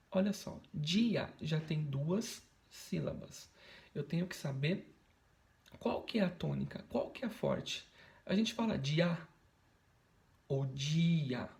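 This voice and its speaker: A man's voice: high voice, vocal fry, darkish tone. A Brazilian male teacher in a recorded video lesson, speaking patiently and checking in with frequent tag questions. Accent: Brazilian Portuguese.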